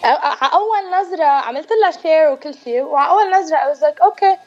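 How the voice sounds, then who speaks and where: A woman's voice: high-pitched, animated, fast talker, highs cut off, soft background music. A Lebanese-accented actress chatting as a guest in a casual radio interview, slipping English words into her talk.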